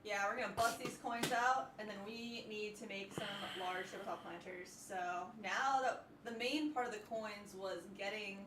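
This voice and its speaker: A woman's voice: medium pitch, moderate pace, hardly any pauses. A woman co-hosting a live stream from a pottery studio, upbeat, planning the day's work aloud. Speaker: livestream co-host and potter. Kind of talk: casual chat. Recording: distant, echoey studio with background noise.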